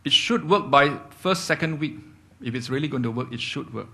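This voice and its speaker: A man's voice: medium pitch, normal speed, bright, forceful tone. A middle-aged man, a psychiatrist giving a lecture to doctors, explaining as he goes, asking and answering his own questions and checking in with "okay?". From Singapore. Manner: explanatory, repeats key points with rhetorical questions and "okay?". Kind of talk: clinical lecture.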